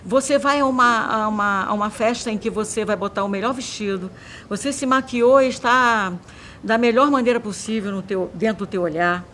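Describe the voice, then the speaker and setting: A woman's voice: mid-range voice, moderate pace, a bit bright, slight background noise. A woman speaking as a doctor in a documentary interview, explaining in a hesitant, vivid way. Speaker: doctor interviewed on mental health.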